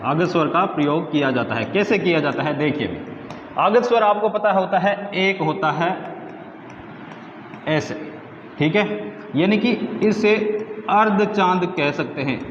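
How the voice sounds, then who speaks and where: A man's voice: high voice, measured pace, long pauses. A male Hindi grammar teacher giving a classroom lesson, asking questions and answering them himself, repeating key words. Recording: roomy lo-fi classroom recording, faint noise.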